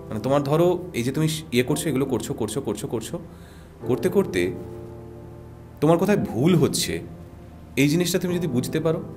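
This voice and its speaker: A Bengali-accented man in a podcast chat, talking at a middle pitch with an earnest, emphatic manner. He drives his points home through rhythmic repetition, and faint music sits under his voice. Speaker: radio jockey and voice artist guest. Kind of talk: podcast conversation.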